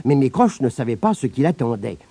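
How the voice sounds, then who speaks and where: A man reading a children's story aloud in an expressive, sing-song way. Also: mid-range voice, brisk, gravelly, crowd noise.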